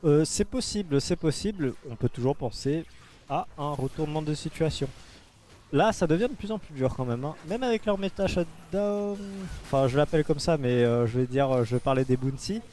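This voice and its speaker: A man works as an esports caster, offering live analysis in a high-pitched voice. He often repeats himself while searching for the word. Light background noise and ambience sit behind him. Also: moderate pace, mellow. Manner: hesitant, repeating phrases as he searches for words.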